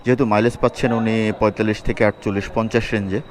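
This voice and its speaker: A man's voice: lowish voice, fairly even intonation, racing. A man from Bangladesh, a motorcycle vlogger, talking bluntly and plainly and mixing in English phrases. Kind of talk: casual vlog talk. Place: outdoors on a city street.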